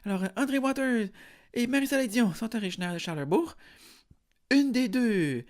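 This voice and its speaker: Deadpan rambling Quebec French man. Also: extremely high pitch, normal speed. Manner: deadpan, rambling, full of hesitations. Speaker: podcast host. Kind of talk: mock interview monologue.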